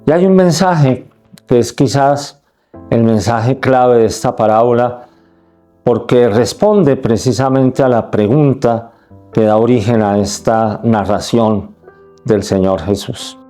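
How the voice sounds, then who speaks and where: A man giving a measured, reflective catechesis talk, phrase by phrase with pauses. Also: mid-range voice, dark tone. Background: faint guitar music.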